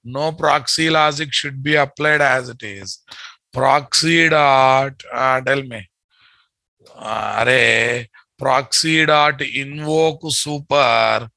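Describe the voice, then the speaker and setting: A man's voice: medium pitch, fairly even intonation, takes it slowly, gravelly, bright, forceful tone, dry recording. A man with a Telugu Indian accent teaching a programming lesson, repeating phrases and often checking in with his students. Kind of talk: live coding lesson.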